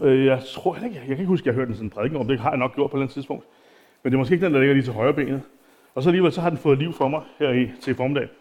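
A man's voice: mid-range voice, a little mellow. A man giving an informal, chatty church sermon with self-deprecating asides, many fillers and restarts, and reading aloud from the Bible. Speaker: preacher.

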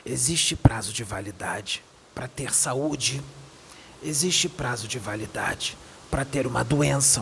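A man speaking as a male spirit guide in a raspy voice, teaching with emphatic repetition and rhetorical questions. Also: medium pitch, a little hiss or hum, lightly acted. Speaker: medium channeling a spirit.

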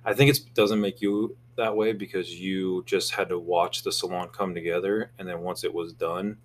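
Brief: young man, deep voice, earnest, slightly anxious podcast co-host. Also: steady tone, moderate pace, slight background noise. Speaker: podcast co-host, salon co-owner. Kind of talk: casual chat.

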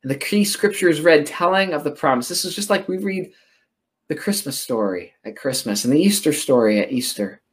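A male preacher delivering a sermon in a fairly high voice. He retells a scripture story dramatically. He repeats key phrases for emphasis. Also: lively intonation, a little fast.

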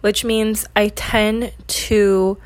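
A woman's voice: medium pitch, flat delivery, dry recording. Woman with a slight sibilant lisp. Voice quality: slight lisp with drawn-out, strong S sounds; slightly slurred articulation. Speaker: podcast host and esthetician. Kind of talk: casual solo podcast introduction.

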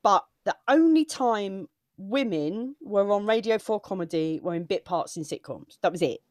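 A woman's voice: medium pitch, expressive, normal speed, darkish tone, no echo. Woman, comedian, casual heartfelt talk, restarts, dry. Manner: emotional, digressive, with restarts. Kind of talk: casual chat.

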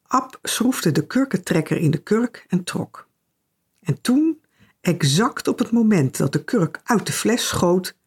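A woman's voice: low-pitched, a little mellow, slightly rough. A woman narrating a novel in the first person, with a dry, wry, understated delivery. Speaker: audiobook narrator.

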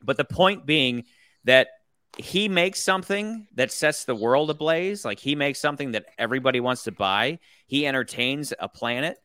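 Holding forth on a casual movie review podcast, a US man talks at normal speed in a medium-pitched voice that is smooth and crisp, with a bright, forceful tone. He rambles with strong opinions, curses liberally and keeps circling back to restart his points. The mic is close, the room dry, with no room sound at all.

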